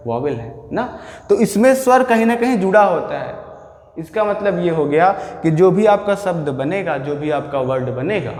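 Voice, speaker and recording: A man's voice: a little high, darkish tone. A male teacher giving a grammar lecture to a class. He asks questions, answers them himself and keeps checking in with the students. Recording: echoey hall with long reverb.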